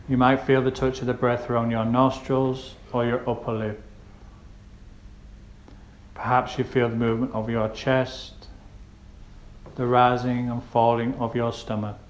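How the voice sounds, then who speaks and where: A gentle male meditation guide speaks at a mid pitch, phrasing slowly with pauses and keeping his intonation flat and steady. The recording is echoey and roomy, with faint background noise.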